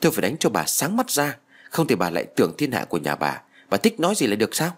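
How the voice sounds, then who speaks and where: A man voicing a furious young mother who shouts threats at an old woman. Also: medium pitch, wildly swooping pitch, quick pace. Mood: threatening.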